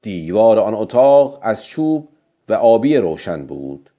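A man with a gravelly voice narrating a novel in a measured, steady reading, on a dull lo-fi recording. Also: on the low side. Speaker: audiobook narrator. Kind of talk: scripted narration.

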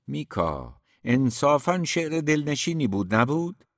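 A man reading an audiobook, voicing a calm, fatherly older uncle who teases gently. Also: fairly low pitch, dry recording, studio quality, lightly acted.

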